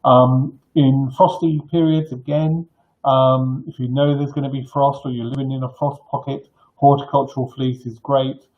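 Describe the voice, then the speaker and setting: A middle-aged man giving informal advice on a live stream, explaining haltingly with frequent pauses. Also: medium pitch, little pitch movement. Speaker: gardening live stream host. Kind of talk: informal question-and-answer advice to camera. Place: bright living room indoors. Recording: dull lo-fi webcam sound.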